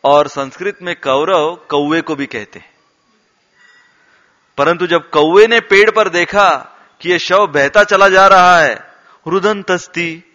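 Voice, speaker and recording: A man giving a devotional talk, telling stories in an animated way and acting out the quoted lines. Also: high-pitched, slow. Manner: animated storyteller, acts out quotes and laughs along. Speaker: temple speaker. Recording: dull sound with long hall reverb.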